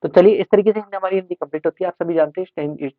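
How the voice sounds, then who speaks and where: A man's voice: high voice, racing, dry recording. A male teacher giving an exam-prep lesson, explaining terms and repeating words to drill them. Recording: dry, tinny phone-like sound.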